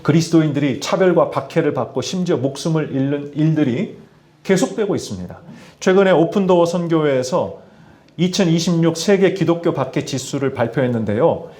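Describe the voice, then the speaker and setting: A man's voice: fairly high pitch, a little fast. A middle-aged male pastor preaching a sermon to his congregation, often asking them questions. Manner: addresses congregation with questions, lively emphasis. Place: church in Tianjin, China.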